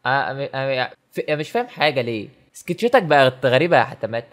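A man's voice: medium pitch, sing-song, racing, fairly bright tone. A man with an Egyptian Arabic accent giving teasing, mock-exasperated comedy commentary on a sketch. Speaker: comedy reaction host.

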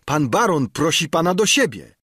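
An anxious male servant , as a man reading a storybook puts him on, calls out urgently and pleadingly, pitched well above the reader's own voice, still a little husky, in a dry close recording. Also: sing-song, moderate pace, fairly bright tone, no room sound, exaggerated voice.

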